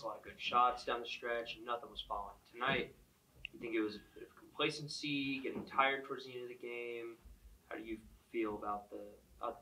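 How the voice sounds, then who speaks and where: A male reporter gives a long wind-up before he puts his question to a player at a press conference. His voice sits fairly low but has a bright, sharp edge. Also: rough recording.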